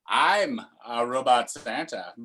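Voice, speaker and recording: A man doing a slow metallic robot Santa. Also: medium pitch, very animated, bright, forceful tone, heavily acted. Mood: deadpan. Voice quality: robotic, metallic-sounding delivery. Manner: slow, halting, clipped phrases. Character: robot Santa, stiff and mechanical, male. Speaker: improv performer as a dating-game bachelor. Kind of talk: improv comedy game.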